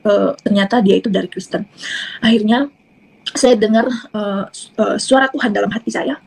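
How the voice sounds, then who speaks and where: Gravelly-voiced woman with a Bugis accent. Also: mid-range voice, fairly even intonation, a little mellow, poor audio. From South Sulawesi. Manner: halting, unhurried storytelling. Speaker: convert giving testimony. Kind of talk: personal testimony.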